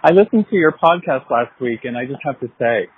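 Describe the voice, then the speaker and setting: Guy from florida leaving a voicemail over a landline phone, kinda husky, thin tinny line. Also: mid-range voice, lively intonation, a little fast. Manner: chatty, self-deprecating, with small laughs. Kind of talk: casual rambling voicemail.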